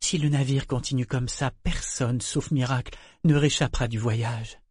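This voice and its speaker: A man's voice: fairly high pitch, flat delivery, moderate pace, darkish tone, no echo, clean studio sound, voice pushed up, close to an everyday voice. A man voicing a fierce, eager female ship figurehead who speaks in a hard, urgent way.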